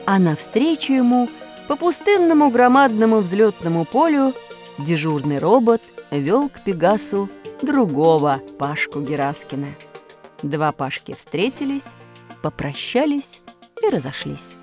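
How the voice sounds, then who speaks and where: A woman narrating an audiobook of a children's story in an expressive storytelling manner. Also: mid-range voice, measured pace, faint music behind.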